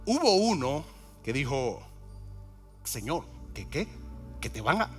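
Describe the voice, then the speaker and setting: A man preaching a sermon with a lively voice that climbs high and drops low. His tone is bright and forceful, and he keeps repeating key words and asking the congregation questions. Faint music plays under him. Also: slow. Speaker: pastor.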